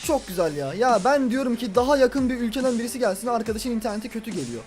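A young man commentating his own football video game match, swinging from low grumbling to loud exasperated outbursts. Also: lively intonation, very fast, faint music behind. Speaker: gaming YouTuber.

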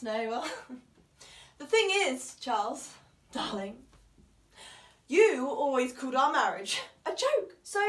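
A woman's voice: sits high, exaggerated voice. A woman auditioning as a wife facing divorce who mocks her husband, sarcastic and laughing through tears, recorded from a distance in a roomy space. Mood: mocking. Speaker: drama school auditionee. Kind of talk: audition monologue. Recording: roomy, from far off.

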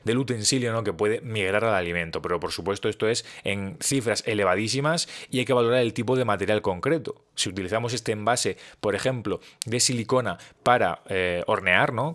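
Guy in his 30s, lowish voice, talks fast and animated, explainer vid his home office. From Spain. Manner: quick, animated, gesturing with both hands. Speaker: food science presenter. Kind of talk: explainer talk to camera. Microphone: studio condenser mic on a stand in front.

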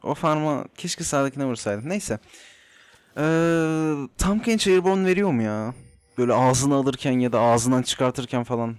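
A man's voice: mid-range voice, lively intonation, normal speed, clear, resonant tone, no room sound. Young male gamer, casual running commentary, self-talk and teasing, home desk mic. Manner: chatty, talks to himself, teasing opponents. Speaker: gaming YouTuber. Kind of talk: live gameplay commentary.

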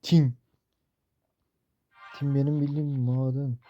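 A young man in his late teens giving casual gameplay commentary, cursing and blurting out excited reactions as he plays. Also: medium pitch, unhurried, dull audio, soft background music. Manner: profane, excitable outbursts while playing. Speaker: mobile gaming youtuber.

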